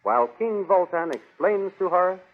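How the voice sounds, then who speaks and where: Over a tinny 1930s radio recording with music behind him, a man serves as announcer and narrator of a radio serial. His voice is high and animated, moving at a moderate pace as he declaims in a grandiose, urgent manner.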